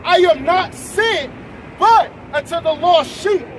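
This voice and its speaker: A man's voice: very high voice, slow, low-quality recording. A man reading scripture verses aloud on a city street at night. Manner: affirming "right", steady reading. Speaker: scripture reader. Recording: crowd and traffic noise outdoors.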